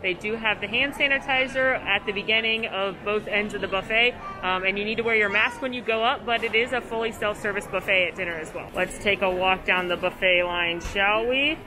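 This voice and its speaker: Speaking a little fast with few pauses, a young adult woman at medium pitch reviews food for her food and theme park vlog. She's gushing and upbeat on a casual tour of a large indoor buffet, with the busy restaurant crowd chattering behind her.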